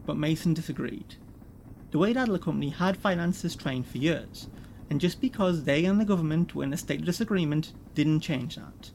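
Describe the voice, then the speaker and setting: A man narrating a first-person audio story in a weary, measured way. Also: fairly high pitch, vocal fry, darkish tone, a little hiss or hum.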